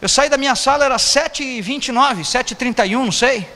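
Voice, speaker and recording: A man's voice: extremely high pitch, brisk, pushed and bright. A man with a Brazilian Portuguese accent preaching an informal sermon as pastor, joking and teasing his congregation. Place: church hall. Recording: echoey church hall, faint noise.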